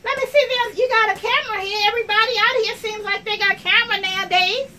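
A woman's voice: very high-pitched, quick pace, noisy background, pitched above the performer's own voice. A woman playing a chatty, brash 82-year-old woman in a comic monologue, rambling and talking straight to viewers. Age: older. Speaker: comedic character sketch. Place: outdoors.

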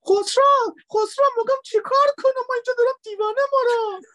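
A man voicing a frantic female panda in a comic clip, in a shrill, wailing falsetto. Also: a bit bright. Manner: wailing and panicked. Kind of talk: comic voice-over.

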